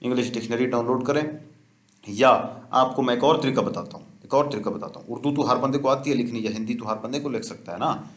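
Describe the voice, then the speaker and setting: A man teaches English in a YouTube lecture, going over each phrase twice at an unhurried pace. His voice sits at an ordinary pitch. It rings in an echoey room. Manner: explains slowly, repeating each phrase.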